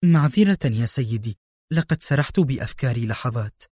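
A worried woman officer speaks softly and tensely, holding her voice down, as a male reader puts her on. The recording is dry and close. She sounds uneasy and restrained. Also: mid-range voice, lively intonation, fairly quick, breathy edge, no room sound. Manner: tense, subdued. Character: anxious young woman intelligence officer.

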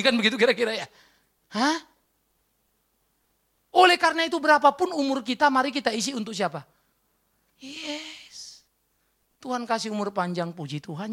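A woman preaching a church sermon, firing rhetorical questions at the congregation and breaking into emphatic exclamations, swinging between loud and hushed. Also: high voice.

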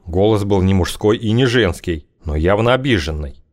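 Low-voiced male audiobook narrator. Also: lively intonation, normal speed. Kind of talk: scripted narration.

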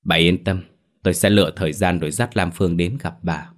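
A man voicing a loyal, calm old male servant in a spoken storybook, talking in a measured way. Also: low voice, lightly acted.

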